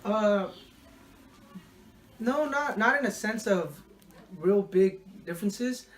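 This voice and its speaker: A young man from Mexico answers interview questions in a relaxed, unscripted way. His voice sits a little higher than most men's, and he often stalls and repeats words before he finishes a thought. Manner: halting, repeats words while thinking.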